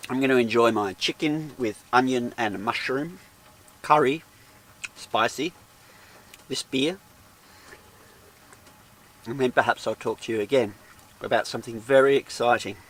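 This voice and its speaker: This is casual solo vlog commentary from a male outdoor vlogger, who chats to the camera inside a small tent with a wood stove and rambles in self-deprecating asides. His medium-pitched voice has a fairly bright tone, runs a little slow, and pauses often. There's slight background noise.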